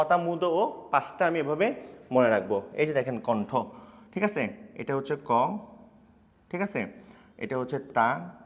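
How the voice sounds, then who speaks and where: Male tutor, young adult, brisk explainer who keeps asking if you follow; lingering reverb on the voice. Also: medium pitch. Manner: quick, instructive, checks in often with listeners. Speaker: teacher. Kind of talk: grammar lesson for school students. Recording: long reverb.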